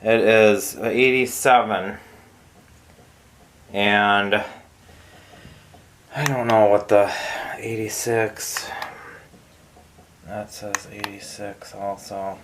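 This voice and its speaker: A man's voice: lowish voice, fairly even intonation, drawn-out words, pauses often, background noise. A man hosting a casual homebrewing vlog, rambling and thinking aloud with lots of fillers, recorded on a porch. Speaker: homebrewer host.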